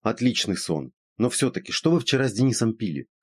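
A man voicing a brisk, skeptical female friend who teases and lectures. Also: lowish voice, big pitch swings, a little mellow, slightly rough, dry recording, voice pushed up. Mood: lecturing.

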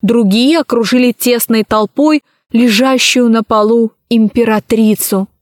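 A woman narrating a children's adventure story in an expressive, dramatic reading. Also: a little high, unhurried, no room sound, studio quality.

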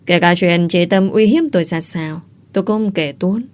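A woman's voice: on the low side, moderate pace, darkish tone. Woman reading a heartfelt story. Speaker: audiobook narrator. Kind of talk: first-person story reading.

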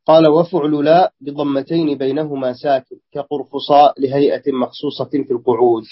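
Man, student reader, careful reading, husky voice, muffled lo-fi recording. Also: fairly high pitch, little pitch movement, fairly quick. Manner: careful reading with small slips and restarts. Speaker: student reading the text aloud. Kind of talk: reading a classical text aloud.

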